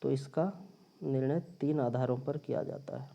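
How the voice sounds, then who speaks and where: Recorded on a phone or screen recorder with lo-fi sound, this linguistics lecture features a man teaching grammar at normal speed. His mid-range voice is creaky yet mellow, and he works through the material step by step, repeating his points.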